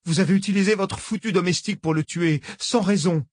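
A man's voice: medium pitch, animated, moderate pace, darkish tone, breathy edge, no room sound, clean studio sound, pitched above the performer's own voice. A man voicing a frightened young woman who speaks in a desperate, defiant way.

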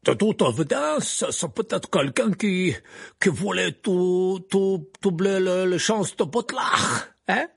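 A man doing a slow, haughty headmistress. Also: high voice, expressive, gravelly, slightly rough, voice pushed up, exaggerated voice. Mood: disdainful. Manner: slow, halting, disdainful. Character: towering disdainful headmistress, halting foreign speech.

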